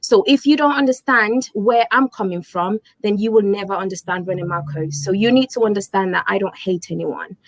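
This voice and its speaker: A woman's voice: mid-range voice, a little fast, hardly any pauses, dry recording, low-quality recording. A woman hosting a casual interview on her channel, speaking in an earnest, emphatic way. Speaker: host.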